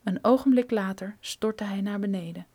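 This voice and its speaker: A woman reading a thriller audiobook in a steady, measured storytelling manner. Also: mid-range voice. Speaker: narrator.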